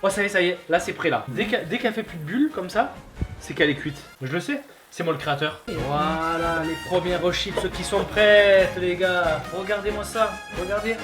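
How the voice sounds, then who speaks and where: A man chatting casually to camera in a cooking vlog, excitable and playful, often repeating words in a slangy, mock-boastful way. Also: high voice, normal speed, over music. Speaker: vlog host and amateur cook.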